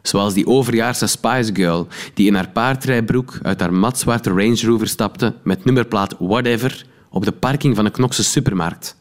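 A man's voice: on the low side, normal speed. A man with a Flemish accent reading his own column aloud with wry irony. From Belgium. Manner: wry, ironic storytelling.

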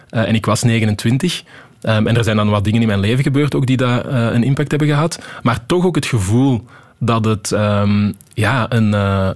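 A man's voice: mid-range voice, darkish tone. A man in his thirties with a Flemish accent, a screenwriter answering interview questions, hesitant and full of ehm fillers. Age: 30s. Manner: hesitant, many ehm fillers, thinking aloud. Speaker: TV screenwriter guest. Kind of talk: radio interview, casual answers.

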